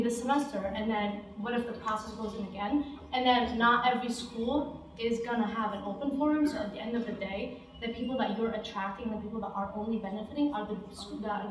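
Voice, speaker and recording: A woman's voice: a little high, slight background noise. A woman student senator arguing in a meeting, rambling with many fillers. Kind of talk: meeting discussion. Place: meeting room. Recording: echoey room from far off.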